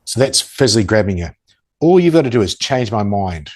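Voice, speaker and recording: A man's voice: on the low side, big pitch swings, a little fast, a little mellow. A man with a broad New Zealand accent, explaining things conversationally as a tactical expert, blunt and matter-of-fact with dry humour. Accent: broad Kiwi (New Zealand). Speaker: self-defence and tactical expert guest, former police officer.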